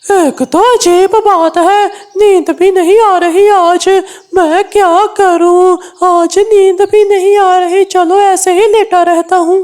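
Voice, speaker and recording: A woman's voice: very high-pitched, fairly even intonation, takes it slowly, few pauses, a little mellow. A woman voicing a scheming, bullying male crow in a cartoon, with a mocking, boastful manner. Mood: muttering.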